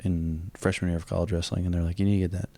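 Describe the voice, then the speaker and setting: Low-voiced crude joking guy. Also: level tone, mellow. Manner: crude, joking, quick comebacks. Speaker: podcast co-host. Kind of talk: casual comedic chat.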